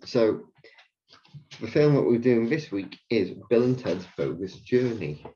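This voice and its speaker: A man's voice: mid-range voice, lively intonation, a little slow, mellow, muffled recording, a little hiss or hum. A man co-hosting a casual film podcast with his child, explaining and recapping plots in an easygoing way. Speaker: podcast co-host, father. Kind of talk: casual chat.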